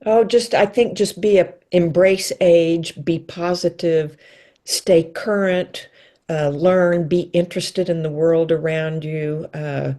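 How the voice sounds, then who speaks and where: Woman, sixties, mellow low-ish voice, chatty guest who acts out the lines she quotes. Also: slow pace. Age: 60s. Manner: lively storyteller, acts out quotes with pitch leaps. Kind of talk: casual interview chat.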